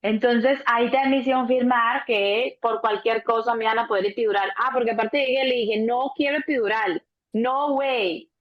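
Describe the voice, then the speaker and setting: A Mexican woman in her thirties, a doula, telling a birth story in a relaxed chat, acting out the voices of the people in it and swearing casually. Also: a little high, a little fast, few pauses. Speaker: doula, co-host. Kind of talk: casual conversation. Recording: dull lo-fi sound.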